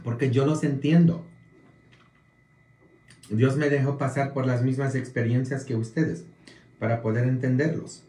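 Polish-born male priest, casual viewer talk, very slow, roomy echo, keeps tossing in "mm?" checks. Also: medium pitch, steady tone, warm tone. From Poland. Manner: slow, drawn-out delivery with frequent "mm?" tag questions.

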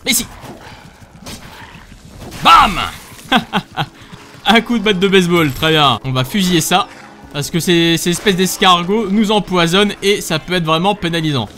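An excitable man talks over his own gameplay in a high, sharp voice that leaps all over the place. He swears, laughs and yelps at the screen. Faint game music plays behind him. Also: moderate pace. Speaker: gamer commentating his own play. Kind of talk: let's play commentary.

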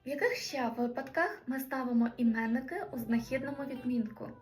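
A woman teaching a language lesson, explaining grammar and slowly spelling out example sentences. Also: high voice, roomy sound, distant mic, faint music behind. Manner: slow, careful spelling-out of Greek examples.

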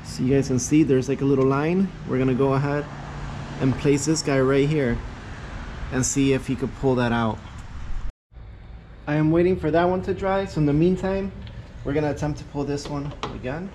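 This man's voice is a little high and fairly even in intonation, moving at a moderate pace with long pauses over background noise. He's a vlogger casually demonstrating a tool on a car in a garage with the door open to outdoors, filmed from a head-mounted camera.

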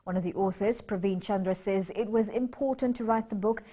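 A woman's voice: mid-range voice, fairly quick, warm tone. A young woman anchoring a scripted television news bulletin in a studio. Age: young adult.

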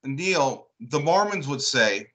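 A man co-hosts a casual discussion on church history. His voice is bright and forceful. He works through his points aloud and often checks in with "right?". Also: mid-range voice, lively intonation, takes it slowly, poor audio. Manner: thoughtful, builds questions with repeated "right?". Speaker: co-host.

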